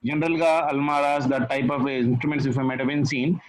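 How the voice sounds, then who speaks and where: In a one-on-one physics tutoring session, a man with a mid-range voice speaks briskly and flatly on a rough recording. He's patient, repeats key phrases and checks that his student keeps up.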